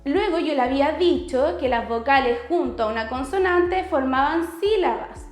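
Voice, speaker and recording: A woman with a Chilean accent teaches young children in a patient, clearly spoken way, asking them simple questions as she goes. Her voice sits high, and the room adds a noticeable echo. Soft music plays faintly underneath. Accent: Chilean Spanish. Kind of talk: recorded remote class for first graders.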